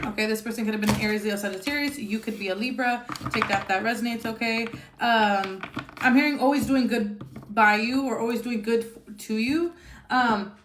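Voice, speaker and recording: A woman's voice: fairly high pitch, roomy sound, a little hiss or hum. A woman giving a casual tarot reading, chatty and blunt, who swears freely and keeps checking in with "okay?". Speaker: tarot reader.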